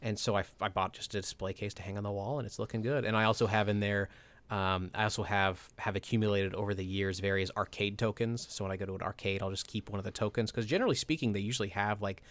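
A man co-hosting a podcast in relaxed, chatty talk with many fillers. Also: fairly low pitch, fast talker. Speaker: co-host. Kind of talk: casual podcast chat.

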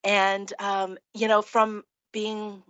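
In a dry, slightly lo-fi recording, a Singaporean woman who works as a food and travel journalist chats casually as an interview guest, reminiscing about her experiences. Her voice is medium-pitched, a bit bright, monotone, and slow.

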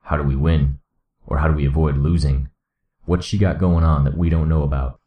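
A man reading a story aloud, voicing a gruff, hulking young man who growls his curt lines in a disguised deep voice. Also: fairly even intonation, brisk, highs cut off. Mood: urgent. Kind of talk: audiobook reading.

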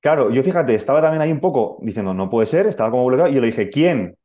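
A man from telling a podcast host a heartfelt personal story, animated and acting out the people he quotes. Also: medium pitch, fast talker. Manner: animated retelling, acts out voices in quotes, laughs and tears up. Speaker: podcast guest, father.

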